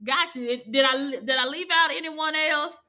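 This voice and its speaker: Female online instructor with a bright, clear tone. Talks like a casual live class: chatty, quick to laugh, corrects herself as she goes. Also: high-pitched. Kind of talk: casual live teaching over screen share.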